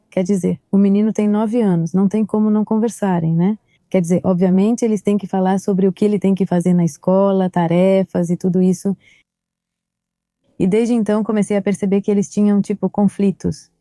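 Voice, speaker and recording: A middle-aged woman tells her story as a mother, reliving old conversations by quoting what was said. Her voice is deep in tone and very dark, and it sits dry and close with no room around it. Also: fairly even intonation, fairly quick, no room sound. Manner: recounts events quoting past dialogue. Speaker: mother of a victim. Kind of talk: personal testimony.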